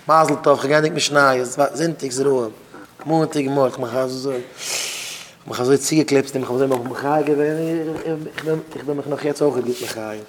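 A man's voice: medium pitch, fairly even intonation, brisk, a little hiss or hum. Emphatic man preaching, phrases repeated. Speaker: rabbi giving a talk. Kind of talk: informal sermon to students.

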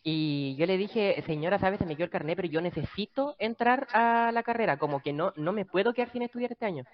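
A young man with a Chilean accent telling a story in casual chat with friends, acting out the dialogue in lively voices. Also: high voice, fairly quick, dull audio. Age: young adult. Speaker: podcast guest.

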